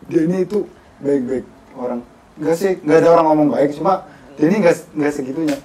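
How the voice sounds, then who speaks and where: A man's voice: a little high, fast, warm tone. A young man talking in a casual, conversational way. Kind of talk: casual chat. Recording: voice distant from the mic.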